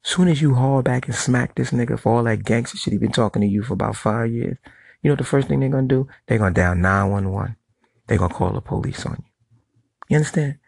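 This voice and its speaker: A man's voice: mid-range voice, fast, vocal fry, a little mellow, slightly rough, dry recording. A man giving a casual monologue to camera, blunt and profane, in street talk that keeps checking in with "right?". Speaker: vlogger.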